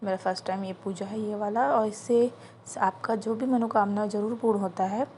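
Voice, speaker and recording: Speaking at normal speed in a steady, slightly mellow mid-range voice, a young woman narrates a casual vlog over slight background noise. At an indoor gathering, she chats into her phone, explaining each step of a home puja ceremony.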